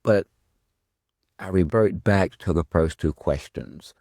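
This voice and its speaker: A man's voice: low-pitched, slow, a little mellow, no echo, studio quality. A male podcast host delivering a confrontational monologue at an absent guest. He is sarcastic and profane, and he keeps circling back to his questions.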